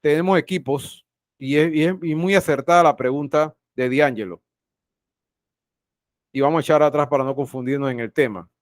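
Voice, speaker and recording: A man's voice: on the high side, normal speed, long pauses, no room sound. Dry-voiced male teacher lecturing online. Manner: repeats phrases, questions students directly. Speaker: university teacher. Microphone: video call.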